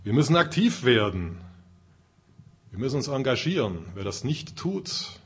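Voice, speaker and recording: Husky agitated voice of the flesh, a preacher putting it on, pushy and raised. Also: male voice, very animated, unhurried, exaggerated voice. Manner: agitated, louder and higher than his preaching. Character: voice of the flesh, anxious self-righteous grasping inner voice.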